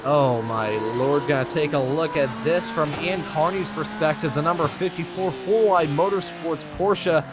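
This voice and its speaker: Male motorsport commentator, high voice, dramatic and effusive play-by-play over clearly audible music. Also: moderate pace, hardly any pauses.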